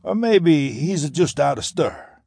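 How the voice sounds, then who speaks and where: A man's voice: on the high side, very animated, a little slow, vocal fry, dry recording, studio quality, voice pushed up, full character voice. Man doing a brooding gangster. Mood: musing. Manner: quiet, brooding. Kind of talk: audiobook character voice.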